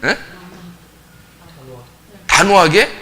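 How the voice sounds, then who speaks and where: A man's voice: sits high, drawn-out words. A male pastor teaching a casual Bible study, asking his group questions and acting out scenes from the text. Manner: animated, acts out scenes, asks the group questions. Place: church.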